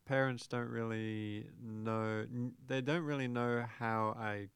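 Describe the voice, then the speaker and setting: A man's voice: medium pitch, steady tone, slow, clear, resonant tone, dry recording. A young adult man, a musician chatting thoughtfully and at ease as an interview guest, with many fillers. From Australia, grew up in Brisbane. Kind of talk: casual interview chat.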